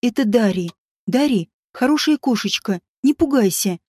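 A woman voicing a guilty, tender naga father who talks softly and pleadingly to his daughter. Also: a little high, expressive, moderate pace, breathy edge, no room sound, studio quality. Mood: soothing. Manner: soft, pleading, coaxing.

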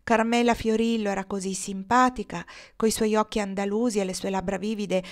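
A woman narrates an audiobook with an expressive, measured reading. Her voice sits at a middle pitch. The delivery stays steady and attentive to the text. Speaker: audiobook reader.

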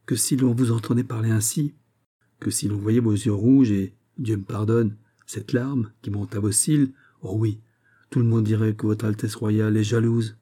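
A man's voice: on the low side, fairly even intonation, moderate pace, mellow, husky. A man voicing an earnest young nobleman in love in an audiobook, speaking firmly and respectfully. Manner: firm, respectful, grave. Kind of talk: audiobook character reading.

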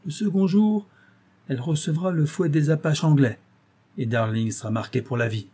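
A man's voice: fairly high pitch, normal speed, mellow, slightly rough, voice pushed up. A man voicing a gloating, cruel master criminal in an audiobook, taunting and menacing. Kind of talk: audiobook reading.

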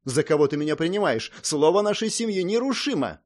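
A male reader voicing a proud, emotional young princess in an audiobook, with high-pitched, indignant outbursts. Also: lively intonation, fairly quick, darkish tone.

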